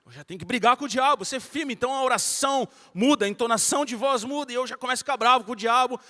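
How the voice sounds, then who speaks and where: A man with a Brazilian accent delivers a fervent evangelical sermon, his fairly high voice moving between hushed and loud stretches. The sound carries a long reverb from the church hall around him. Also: very fast. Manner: fervent preaching, swinging from soft to loud. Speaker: pastor.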